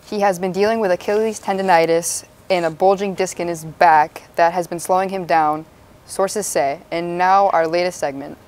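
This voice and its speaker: A woman's voice: fairly low pitch, steady tone, moderate pace, darkish tone. A young woman reading scripted news as an anchor on a student mock newscast.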